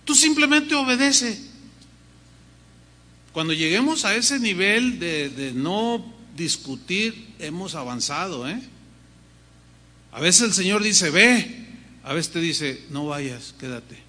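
A man preaching a sermon in an animated way, acting out the voices of God and believers. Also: high voice, slow pace, long pauses. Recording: long hall reverb.

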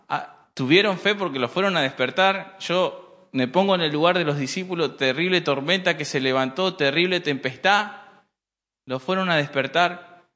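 A man preaching a sermon, addressing the congregation as brothers and often pausing on rhetorical questions. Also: high voice, bright, forceful tone. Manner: repeats and restarts phrases while preaching. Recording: hall reverb.

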